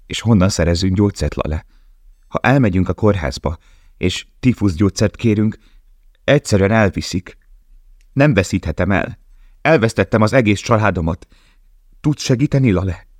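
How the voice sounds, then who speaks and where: A man's voice: low voice, darkish tone, no echo, studio quality, voice pushed up. A man reading an audiobook, voicing a frightened young woman prisoner in a pleading, urgent way.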